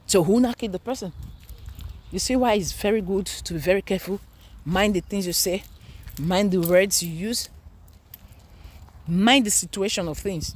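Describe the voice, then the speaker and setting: A woman with a Nigerian accent, a mother talking earnestly to her viewers in a casual, preachy vlog, stressing her points by repeating them, recorded outdoors while walking in a park. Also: on the low side. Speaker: mother and vlogger. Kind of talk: casual preachy talk to camera.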